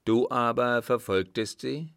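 A man's voice: mid-range voice, unhurried, gravelly, a bit bright, clear, resonant tone, dry recording, clean studio sound. A man voicing an eager, questioning companion. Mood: curious. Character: curious, astonished male companion.

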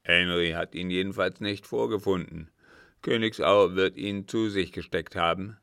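A gruff, scheming captain, as an audiobook reader puts him on, loud and grim, with a low, gravelly growl to his voice. He pushes every line hard and tense, in a dry, close reading. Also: steady tone, normal speed, no room sound. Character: gruff scheming male captain, quick to rage. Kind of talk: audiobook character voice.

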